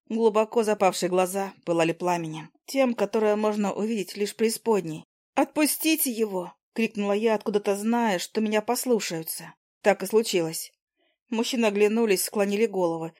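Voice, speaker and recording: Woman narrating a novel, measured. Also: mid-range voice, darkish tone. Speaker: audiobook narrator. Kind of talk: first-person novel narration.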